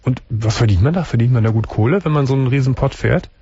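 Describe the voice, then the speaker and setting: A man's voice: medium pitch, fast talker, warm tone, slightly rough. A man hosting a late-night call-in radio show, asking callers friendly, direct questions. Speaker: radio talk show host. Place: radio studio. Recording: dull, lo-fi radio broadcast.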